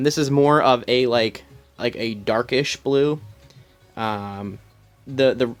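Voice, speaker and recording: A man's voice: medium pitch, a bit bright. A young man casually showing his collection to a phone camera, rambling with many ums and restarts in a small room at home. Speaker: collector giving a room tour. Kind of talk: casual filmed walkthrough.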